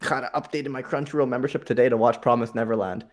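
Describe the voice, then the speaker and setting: A man's voice: medium pitch, steady tone. A man chatting casually on a podcast, chatty and crude, jumping in often. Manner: chatty, crude, quick to jump in. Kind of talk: casual chat.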